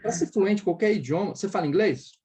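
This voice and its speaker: This man's voice is high, husky and darkish, and he talks fast and expressively. Carrying a Brazilian Portuguese accent, he gives an informal one-on-one French lesson, patiently modelling sounds for his student to echo and regularly confirming she keeps up.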